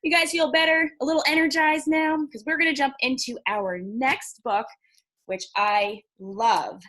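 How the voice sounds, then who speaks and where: Reading picture books to children, this librarian is expressive and encouraging and keeps posing questions to her young audience. She speaks at a measured pace in a high-pitched voice.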